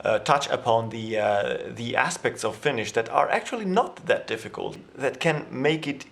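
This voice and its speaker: An Italian-born language vlogger gives a casual lesson to camera, explaining grammar as he thinks aloud, with many fillers and restarts. His medium-pitched voice is animated, creaky, and a bit bright, at a moderate pace.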